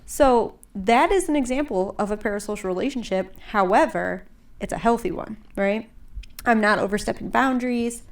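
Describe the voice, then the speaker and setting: A young woman hosting a podcast chats loosely and casually, her voice slightly stuffed up and congested. She rambles at a middle pitch and normal speed, full of fillers and "like"s.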